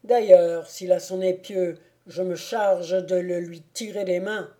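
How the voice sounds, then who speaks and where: A woman reading a storybook voices a haughty nobleman who mocks and taunts loudly. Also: lowish voice, steady tone, measured pace, close to an everyday voice. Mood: taunting. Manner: loud, scornful. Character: haughty mocking nobleman, adult man.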